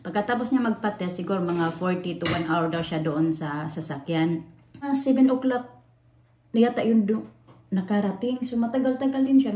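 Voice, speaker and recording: Woman vlogger from the Philippines, casual rambling storyteller, low-ish mellow voice, echoey room with faint noise. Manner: chatty, rambling, many fillers and restarts. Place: at home in a room.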